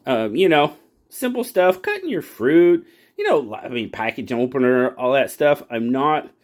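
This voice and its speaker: With a sing-song lilt and a slightly slow delivery, a man in the mid range rambles through a casual review of a pocket knife for his own channel. His style is folksy and self-correcting, with lots of restarted sentences.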